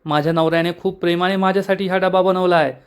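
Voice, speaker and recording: A man's voice: high voice, steady tone, fast, clear, resonant tone, natural voice. A man voicing a small, frightened young wife who protests and pleads. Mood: scared.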